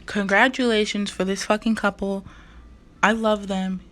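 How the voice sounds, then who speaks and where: A woman's voice: mid-range voice, fairly even intonation, normal speed. A woman hosting a reaction video, chatting in slangy, profane talk full of fillers, sounding tired after a nap. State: tired, just woke from a nap. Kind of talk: casual reaction commentary.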